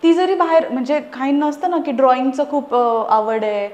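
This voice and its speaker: A woman in her thirties with a high voice, speaking as a guest in a relaxed interview. Her delivery is earnest and persuasive as she works through examples. The room around her sounds echoey. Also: normal speed, lo-fi sound. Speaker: podcast guest, parenting expert. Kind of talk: casual conversational interview.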